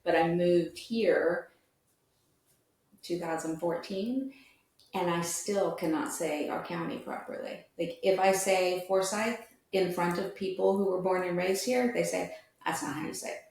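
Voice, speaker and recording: A woman's voice: fairly low pitch, measured pace, a little mellow. A woman who grew up mostly in Texas, co-hosting a casual chat and telling self-deprecating stories. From Texas, USA. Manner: storytelling, self-deprecating, laughs often. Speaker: podcast co-host. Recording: echoey room.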